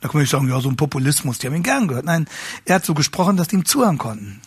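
A man teaching a class on how to preach, earnest and restating his words as he searches for phrasing, rising higher and louder when he stresses a point. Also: big pitch swings, racing, breathy edge, no room sound. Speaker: homiletics teacher. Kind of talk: lecture on preaching.

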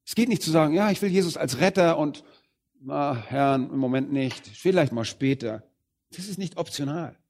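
A man preaching a sermon, addressing the congregation directly. He stresses some phrases loudly and drops others low and quiet. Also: expressive, normal speed. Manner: emphatic, swings between loud stresses and quiet low phrases.

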